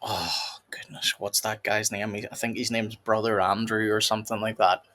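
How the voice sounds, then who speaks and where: A man's voice: fairly low pitch, flat delivery, brisk, a bit bright. Man, reaction host, casual commentary, rambling, laughs often. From United Kingdom.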